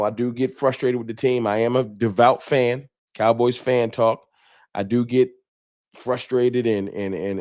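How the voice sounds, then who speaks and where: In clean studio sound with no echo, an American sports fan content creator chats informally and candidly with his livestream viewers and reads the chat. His voice sits at medium pitch with a darkish tone.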